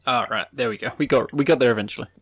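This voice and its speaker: A man's voice: mid-range voice, racing, a bit bright, slight background noise. A man co-hosting a podcast, chatting casually in a joking, teasing way. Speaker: podcast co-host. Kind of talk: casual comedic podcast chat.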